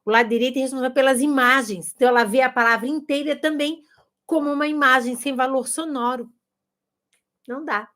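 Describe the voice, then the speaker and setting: A woman's voice: high voice, steady tone, a little fast, fairly bright tone. A woman giving a casual video lesson to teachers, demonstrating games to the camera and sounding out words. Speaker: teacher and educator. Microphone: camera facing her.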